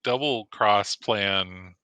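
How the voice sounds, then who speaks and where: A man's voice: fairly low pitch, very slow, sharp tone, clean tone, no room sound. A man player chatting casually at a game table.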